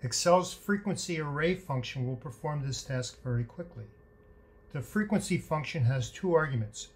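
A man giving scripted instructional narration as a lecturer, deliberately dictating piece by piece. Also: fairly high pitch. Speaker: statistics lecturer. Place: voice-over for slide lecture.

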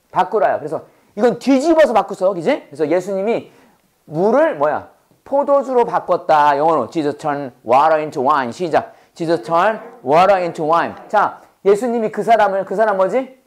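A teacher giving a classroom lecture in Bible English, switching between Korean and English. The delivery is playful, full of puns and quick questions to the class, with key words repeated for students to echo back. The voice sits at a middle pitch. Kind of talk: classroom lecture with call-and-response drills.

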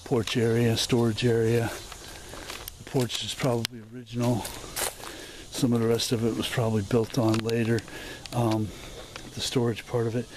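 A man narrating an unscripted walking tour of an old house outdoors, halting with fillers and self-corrections. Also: medium pitch, completely flat delivery, noisy background. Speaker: video host touring a historic site. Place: outdoors at a historic house, open grounds.

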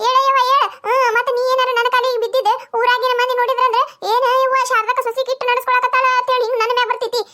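A woman doing a shrill nagging village mother-in-law. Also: little pitch movement, rapid-fire, few pauses, pushed and bright. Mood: grumbling. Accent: North Karnataka. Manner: grumbling, nagging, talking to herself. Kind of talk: cartoon comedy voice-over.

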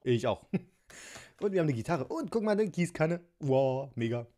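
With a warm tone and a high-leaning, very animated voice, this man talks at a normal speed. He's a toy unboxing vlogger building a set on his home tabletop, filmed from above. He stays chatty and giggly while poking fun at himself.

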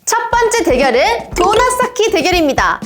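A young woman hosting a children's game show, presenting playfully in a bright sing-song, exaggerated way. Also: very high voice, sing-song, moderate pace. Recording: loud music behind the voice. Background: loud music.

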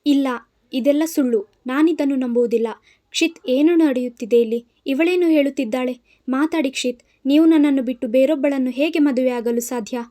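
A woman's voice: high voice, brisk, warm tone, natural voice. A woman voicing a heartbroken young pregnant wife pleading with her husband in a storybook reading. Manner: pleading, trembling.

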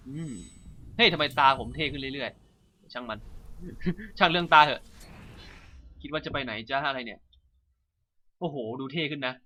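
A man giving casual, playful let's-play commentary, chatting and reacting excitably while he plays. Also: medium pitch, moderate pace, long pauses. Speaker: gaming channel host.

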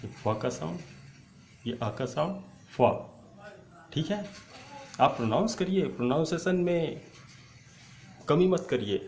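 A male spoken English teacher, drilling letter sounds aloud and urging viewers to repeat them loudly. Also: a little high, expressive, unhurried, creaky, pauses often. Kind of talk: online English pronunciation lesson. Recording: echoey room with faint ambient noise.

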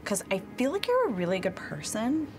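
A woman's voice: medium pitch, wildly swooping pitch, fairly quick, background noise. A young woman chatting casually in character as a tabletop game player, peppy and chatty with valley-girl phrasing. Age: young adult. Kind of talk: casual in-character improvised chat. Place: indoor studio set dressed as a tavern.

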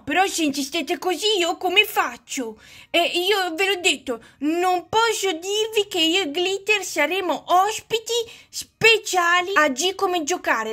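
High-voiced anxious doll girl, rambling, easily flustered; voiced by a woman. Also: bright, forceful tone, exaggerated voice. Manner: flustered, rambling, can't keep a secret. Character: anxious, chatty young female doll. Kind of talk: doll play-acting.

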